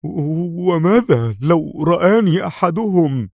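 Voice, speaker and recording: A man's voice: mid-range voice, expressive, normal speed, darkish tone, no echo, clean studio sound, lightly acted. A man voicing a nervous, greedy, corrupt police inspector who talks in an agitated, jittery way, in a storybook reading.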